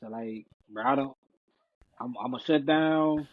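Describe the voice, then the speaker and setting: Man, podcast co-host, casual chat, emphatic heated slangy talk, mid pitch, tinny dry recording. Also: unhurried, dry recording.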